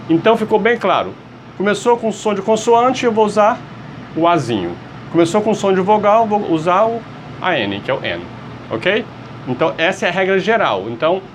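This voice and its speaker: A man's voice: fairly high pitch, slight background noise. A man with a Brazilian Portuguese accent, teaching an online English lesson, patiently repeating words and checking in often with his students.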